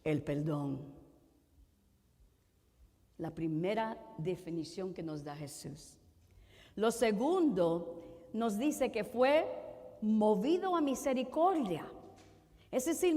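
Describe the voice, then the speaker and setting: A woman minister preaching a sermon, asking slow rhetorical questions one after another and sometimes rising to a shout. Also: fairly high pitch. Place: church. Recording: long reverb of a hall.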